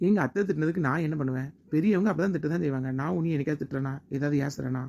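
A man's voice: a little high, racing, vocal fry, darkish tone. A man playing a pleading young village lover. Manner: insistent, pleading coaxing.

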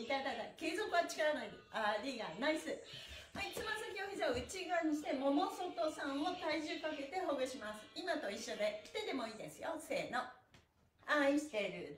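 Stretching on a mat herself, this instructor leads a live session with chanted counts, her high voice cheerful, encouraging and frequently laughing. The small room has a bare wall, and because the camera sits a few metres off, the audio carries a roomy echo and a far-away quality.

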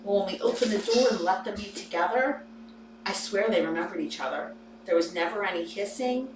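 A woman in her forties hosts a cat playroom stream, telling stories in an easy, chatty way and cooing gently at the kittens. Her voice sits in the middle of the range and sounds far from the mic. The room is echoey, and steady background noise runs underneath. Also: mid-range voice, brisk. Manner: chatty storyteller, coos softly to the kittens. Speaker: host of a kitten rescue livestream. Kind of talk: casual chat and talking to kittens. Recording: roomy, distant mic, noisy background.

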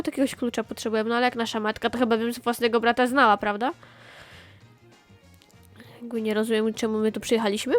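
A woman with a slightly high voice talks her way through a video game, chatty and excitable, firing off quick exclamations and repeating herself as she plays. Soft game music runs faintly behind her. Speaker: gaming channel host. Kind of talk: excited gameplay commentary.

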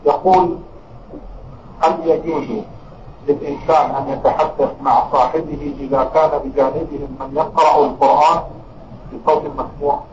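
A man's voice: fairly high pitch, level tone, normal speed, noisy background. Man reading questions in an echoey hall. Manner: reads written questions aloud. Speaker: question reader. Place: large mosque hall. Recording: distant, echoey, lo-fi mosque recording.

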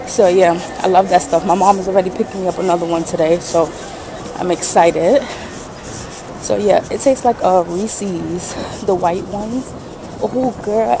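With background noise behind her fairly low voice, a young woman chats casually for her vlog, blunt, slangy and sometimes swearing. She records on a phone held at arm's length, starting on a city street and ending up inside a discount store.

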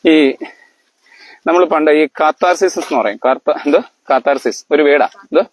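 A man with a fairly high voice, recorded with no echo, lectures his family on something. His delivery is halting, full of fillers and restarts, and he keeps quizzing them and stopping to ask whether they understand.

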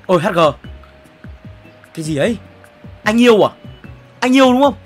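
A young man, streaming himself opening player packs in a football game. He is excitable and swings from loud exclamations to low muttering. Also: normal speed, breathy edge, soft background music. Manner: excitable, exclamatory, jumps between shouting and muttering.

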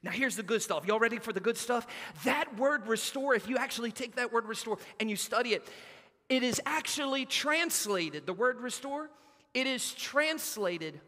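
A man preaches in a church, his voice unusually high and bright. He tells his story with animation, and long reverb from the sanctuary trails each phrase. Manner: animated storytelling, acting out quotes. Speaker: pastor. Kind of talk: sermon with personal story.

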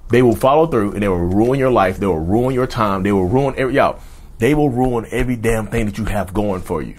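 Emphatic man in his thirties, lowish voice. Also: a little fast. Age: 30s. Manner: emphatic, repetitive, addresses viewers as y'all. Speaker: mental health channel host. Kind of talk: direct-to-camera advice talk. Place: indoor studio with backdrop.

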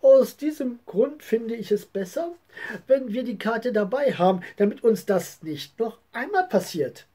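Woman doing a careful, calm husband. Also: fairly high pitch, measured pace. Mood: explaining. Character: reasonable, careful middle-aged husband.

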